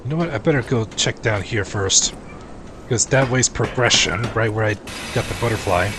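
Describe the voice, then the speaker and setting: A man's voice: lowish voice, moderate pace, noisy background. A man in his forties chatting casually and rambling, restarting sentences while he live-streams a game. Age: 40s. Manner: rambling, animated, restarts often.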